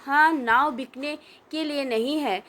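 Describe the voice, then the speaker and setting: Lady doing a matter-of-fact boatman guy, highish voice, slow. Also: bright, forceful tone, slight background noise. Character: grown man boatman, plain-spoken.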